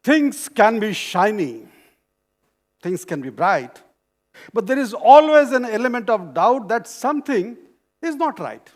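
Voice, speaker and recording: A man gives a rehearsed, memorized-sounding contest speech. His voice is high and swings widely in pitch, and he declaims each phrase slowly. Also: sing-song. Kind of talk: rehearsed rhyming speech opening. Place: school hall speech contest stage.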